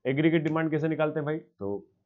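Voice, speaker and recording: A man's voice: a little high, quick pace. A man teaching an economics lesson in a casual classroom style. He asks the class questions and then answers them himself. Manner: conversational, asks and answers his own questions. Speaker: commerce teacher. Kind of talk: informal classroom lecture. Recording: tinny phone-like sound.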